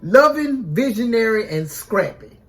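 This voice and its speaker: A woman's voice: fairly high pitch, very animated, a little slow. A woman chatting casually as a vlog co-host, folksy and repeating phrases for emphasis. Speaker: co-host of a couple's mukbang vlog. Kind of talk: casual chat.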